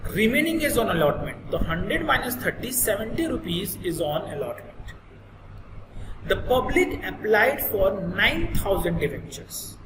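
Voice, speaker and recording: A man with an Indian accent and native Hindi, teaching in an instructive, repetitive explanatory style and often checking understanding. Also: sits high. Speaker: accountancy teacher. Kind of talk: explanatory classroom lesson. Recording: echoey reverberant room with clear noise.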